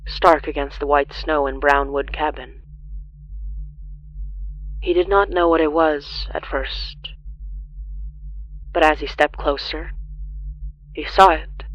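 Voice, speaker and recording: In a mid-pitched, slightly bright voice, a horror fiction podcast narrator reads a script solemnly and deliberately, pausing for dramatic effect. The audio comes across as somewhat dull and closed-in.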